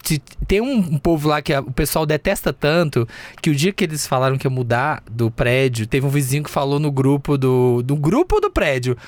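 A man co-hosting a casual podcast, teasing and chiming in quickly. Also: on the high side, lively intonation, darkish tone, no room sound. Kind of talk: casual chat.

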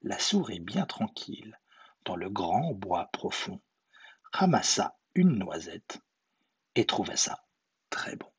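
Slow, soft-spoken man reading a bedtime story. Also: lowish voice, very animated, breathy edge. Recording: dull lo-fi recording.

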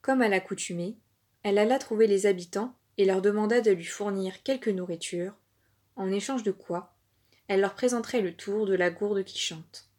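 A woman narrating an African folk tale for children in a calm, expressive storytelling voice. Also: medium pitch, normal speed.

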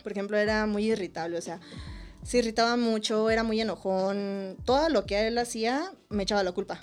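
A woman with a Mexican accent, a podcast guest in casual chat, telling stories in an animated way and laughing often. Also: mid-range voice, a little fast, soft background music.

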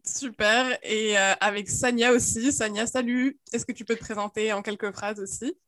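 A woman with a slightly higher voice hosts a casual podcast, dry and close. She welcomes people and frames questions with many small hesitations. Her tone is friendly and easy. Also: steady tone, fairly bright tone, dry recording. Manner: friendly, hesitant, halting phrasing. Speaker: co-host.

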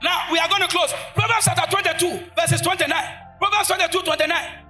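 A man preaching in church with a strikingly high, bright and piercing voice. He shouts his points and keeps calling out to the congregation for answers. Faint music plays behind him. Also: fairly even intonation, a little fast. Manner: shouting, call-and-response preaching. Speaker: pastor. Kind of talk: sermon. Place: church service.

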